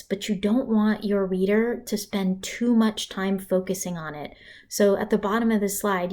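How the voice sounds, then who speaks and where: A woman's voice: mid-range voice, mellow. A woman teaching punctuation in a recorded slide lecture, talking conversationally with casual asides. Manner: conversational, asides and dramatic pauses for emphasis. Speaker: writing instructor.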